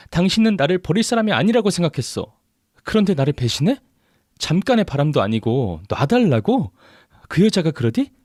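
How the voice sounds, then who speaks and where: A man playing a betrayed wife, shrill, accusing, radio drama, dry close sound. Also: no room sound. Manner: shouting, high-pitched outbursts.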